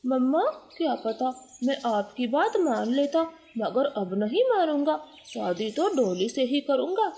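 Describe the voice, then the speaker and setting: Cartoon young male crow, earnest, lowered voice, played by a woman. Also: sing-song, measured pace, hardly any pauses, mellow, full character voice. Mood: defiant.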